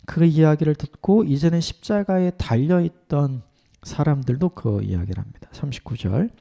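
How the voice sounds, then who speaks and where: A man preaching an early-morning sermon in an earnest way, his voice sometimes dropping to a soft whisper. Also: a little high, expressive, normal speed, vocal fry. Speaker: pastor.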